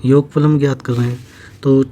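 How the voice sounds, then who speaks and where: Dark-voiced man teaching math. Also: mid-range voice, little pitch movement, normal speed, a little hiss or hum. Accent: Hindi-speaking North Indian. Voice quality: patient step-by-step explaining, frequent check-ins. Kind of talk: exam-prep math lesson.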